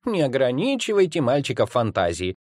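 A man voicing an exasperated, strict mother who scolds loudly in an audiobook reading. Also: a bass voice, wildly swooping pitch, fairly quick, no room sound, clean studio sound, heavily acted. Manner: scolding, shouting complaints. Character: exasperated mother, gym teacher, strict and loud.

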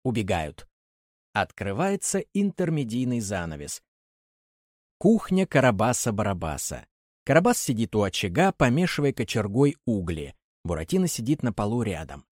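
A reader narrates the stage directions of a children's play with animated, expressive delivery. The voice rises and falls with great liveliness, and the sound is close and dry. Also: mid-range voice, moderate pace, dry recording. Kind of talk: reading a children's play script aloud.

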